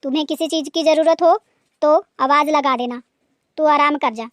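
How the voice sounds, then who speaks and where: A woman voicing a harsh older mother-in-law who scolds loudly and talks sharply. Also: high-pitched, steady tone, normal speed, no echo, natural voice. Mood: doting. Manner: loud, scolding, sharp-tongued.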